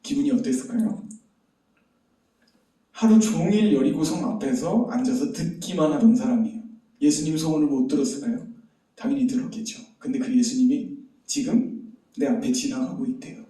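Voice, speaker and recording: A man's voice: a little high, expressive, moderate pace, warm tone. A man preaching a sermon as pastor, telling a story and asking the listeners rhetorical questions. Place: church sanctuary. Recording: very echoey hall, distant mic.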